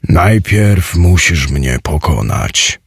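A man voicing a gloomy, sorrowful giant who guards a treasure, speaking in a slow, mournful, drawn-out way in an audiobook. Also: lowish voice, huge pitch swings, vocal fry, darkish tone, breathy edge, dry recording, studio quality, heavily acted. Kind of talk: audiobook character voice.

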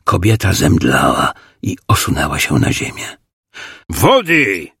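A man reading an audiobook as narrator, in a slow, measured, grave manner on a close studio mic. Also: deep voice, very animated, gravelly, breathy edge, dry recording. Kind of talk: scripted narration.

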